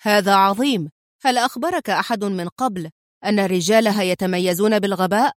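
A woman reading an angry, chain-smoking male police inspector in an audiobook, with a sharp, scolding manner. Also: sits high, brisk, dry recording, studio quality, close to an everyday voice. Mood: irritable.

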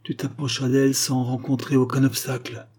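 A man's voice: mid-range voice, level tone, brisk, darkish tone, breathy edge, pitched above the performer's own voice, lightly acted. A man voicing an aging male scribe who pleads earnestly and reproachfully with the young man he raised. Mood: pleading.

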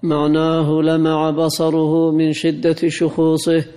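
A man reading a classical commentary aloud in a monotone, chanting recitation for a teacher. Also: a little high, a little slow, long reverb tail. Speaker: student reading the text aloud.

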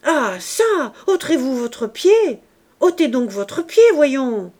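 A woman voicing a small Savoyard boy who pleads, cries and shouts for his coin in an audiobook reading. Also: expressive, slow pace. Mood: shrill, tearful. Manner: high, pleading, then shouting.

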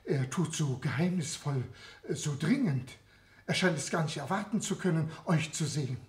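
A man's voice: fairly high pitch, animated, normal speed, lightly acted. A man playing a deferential manservant in a radio drama, speaking politely to his mistress. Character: deferential manservant announcing a visitor. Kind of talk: German literary radio drama.

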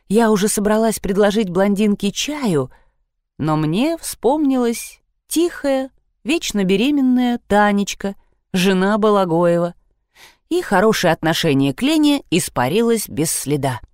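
A woman reading a first-person story aloud with an ironic, expressive delivery. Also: mid-range voice, no echo, clean studio sound. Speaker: audiobook narrator.

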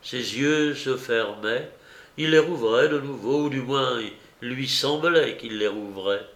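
A male audiobook reader narrating a classic novella in a measured, grave manner. His voice is gravelly and his delivery unhurried. The reading sounds roomy, with a noticeable echo. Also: medium pitch, a bit bright. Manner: slow, measured, grave storytelling. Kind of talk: scripted literary narration.

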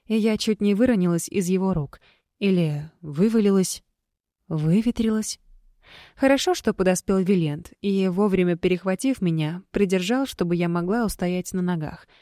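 A woman reading a fantasy novel aloud in measured, scripted narration. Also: medium pitch, warm tone, dry recording, studio quality. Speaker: audiobook reader.

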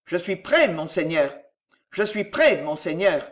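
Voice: medium pitch, very animated, a little slow. A reader voicing an old fawning steward. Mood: fervent devotion. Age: older. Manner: pleading, effusive, raised voice. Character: scheming old male steward, servile and fervent.

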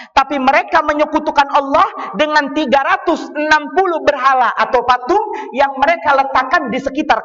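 A man delivers a lively sermon to a congregation in a voice pitched high for a man. He keeps asking his listeners questions and answering them himself in a playful, teasing way. He sounds distant from the microphone in a large hall that rings with reverb. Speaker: Islamic preacher. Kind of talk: lively religious lecture to a congregation. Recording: echoey hall, far from the mic, dull sound.

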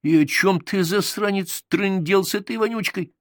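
A man reading an audiobook, voicing a jealous, hot-tempered young boy who yells insults. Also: high voice, moderate pace, no echo, studio quality, voice pushed up. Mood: angry. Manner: loud, yelling, rude insults.

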